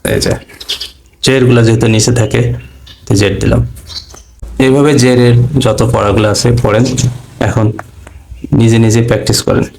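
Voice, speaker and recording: Slow, patient man teaching letter sounds. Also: medium pitch, steady tone, gravelly, a little mellow, a little hiss or hum, poor audio. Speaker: Quran reading teacher. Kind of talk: slow step-by-step lesson.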